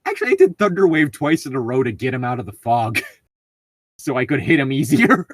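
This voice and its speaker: A man with a mid-range, very animated voice reads out tabletop gaming stories at a moderate pace. It's casual group banter, and he's amused, joking and swearing as he goes.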